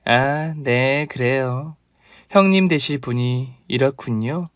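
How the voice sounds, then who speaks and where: A snobbish young woman, as a male narrator puts her on, cold, curt and quietly dismissive. The storybook reading is dry and close. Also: mid-range voice, slow pace, clear, resonant tone, no room sound, close to an everyday voice.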